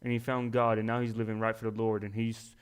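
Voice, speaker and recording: A young man preaching a sermon in a folksy style, acting out other people's voices and building to loud, emphatic peaks. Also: lowish voice, little pitch movement, fast talker, smooth.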